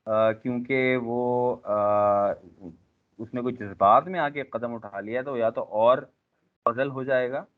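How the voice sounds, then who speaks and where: A man teaching a class in a lecture style, pausing often with fillers and speaking directly to his trainees. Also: mid-range voice, steady tone. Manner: frequent filler pauses, addresses class directly. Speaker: instructor. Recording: tinny phone-like lecture recording.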